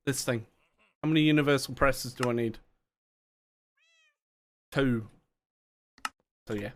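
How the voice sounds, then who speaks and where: A man livestreaming a game keeps up casual, rambling talk full of self-deprecating jokes and frequent laughter, speaking slowly at a medium pitch.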